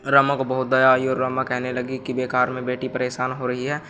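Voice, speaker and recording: A man narrating a moral family story in an even, scripted reading. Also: mid-range voice, brisk. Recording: music bed underneath. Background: music.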